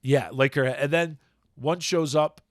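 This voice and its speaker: A man's voice: a little high, fairly even intonation, measured pace, dry recording, clean studio sound. A man hosting a podcast in casual chat, rambling and searching for words as he recaps plots. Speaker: podcast host.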